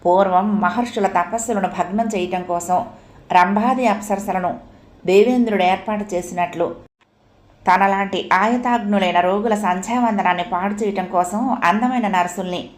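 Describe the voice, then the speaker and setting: A woman's voice: medium pitch, moderate pace, reverberant. Woman reading a story aloud. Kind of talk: audiobook narration.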